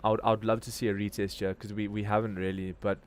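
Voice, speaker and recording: A man's voice: fairly low pitch, level tone, fast. A man with a South African accent giving casual live market commentary as a stream host, informal and slangy as he thinks aloud. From Durban, South Africa. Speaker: crypto trading livestream host.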